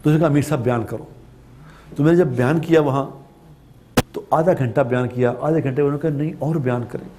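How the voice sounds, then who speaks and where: A man's voice: mid-range voice, dark tone, slight background noise. A man from Pakistan giving a religious talk, telling a story with repeated phrases for emphasis. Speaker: preacher.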